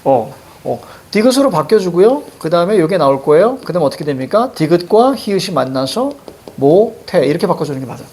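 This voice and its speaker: Animated Seoul-accented male teacher. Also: fairly high pitch, a little fast. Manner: animated, repeats cue words, jokes with students. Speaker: Korean language teacher. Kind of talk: lively classroom lecture.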